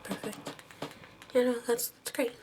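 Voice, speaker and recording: A woman whispering softly and gently through a doctor exam roleplay, reassuring and close to the mic. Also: unhurried. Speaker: ASMR creator playing a doctor. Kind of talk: ASMR medical exam roleplay. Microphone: close microphone. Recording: noisy close-mic recording with clicks.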